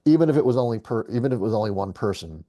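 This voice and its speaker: A man's voice: lowish voice, animated, racing, dark tone. A man from the Southern United States giving a casual, digressive lesson, often correcting himself and swearing now and then. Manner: chatty, digressive, self-correcting, occasional swearing. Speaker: host and English teacher.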